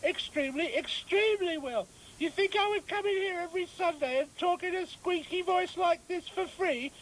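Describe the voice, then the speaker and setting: A performer voicing a chatty, self-important male dog in a radio comedy sketch, in a squeaky put-on voice. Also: moderate pace, slight background noise, poor audio.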